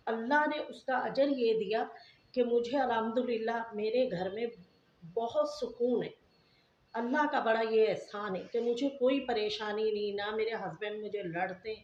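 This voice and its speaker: Casting: middle-aged woman from Pakistan, slightly high voice, homely and earnest, echoey dull home recording. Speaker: vlogger. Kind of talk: casual storytelling to viewers.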